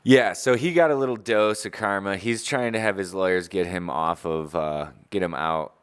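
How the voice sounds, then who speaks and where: A man co-hosting a casual podcast chat, rambling and joking with loud outbursts. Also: deep voice, normal speed, smooth. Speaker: podcast co-host.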